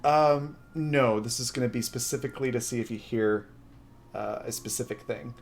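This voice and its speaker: A man narrating as game master of a tabletop game, hesitant with many ums and quick to laugh. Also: mid-range voice, fairly even intonation, creaky, slight background noise.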